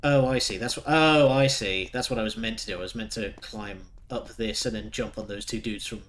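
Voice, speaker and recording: A man's voice: on the low side, brisk, a bit bright. A man giving casual, wry and sweary commentary as he plays a video game. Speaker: video game let's player. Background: video game music.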